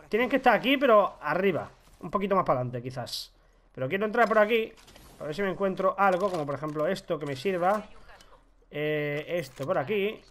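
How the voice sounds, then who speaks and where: A man with a Spanish accent from Spain, commenting on his own gameplay, excitable with loud outbursts and self-mocking asides. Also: fairly high pitch. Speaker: gaming YouTuber.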